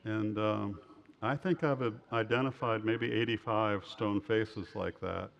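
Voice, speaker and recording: Guy with gravelly fry giving a casual slide talk, kinda halting and rambly, dull muffled audio. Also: on the low side, steady tone, a little hiss or hum. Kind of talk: informal slide lecture.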